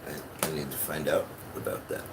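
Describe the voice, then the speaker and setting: A man's voice: extremely low pitch, little pitch movement, normal speed. A man chatting casually on a livestream, rambling along and swearing freely. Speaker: live streamer. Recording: clearly noisy livestream audio.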